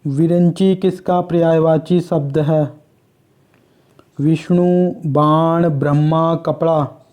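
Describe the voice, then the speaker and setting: Man, Uttarakhand Hindi accent, exam-prep teacher; dark, unhurried, monotone list reading. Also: fairly high pitch. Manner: slow, measured, list-like delivery. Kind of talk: reading out quiz questions and answers.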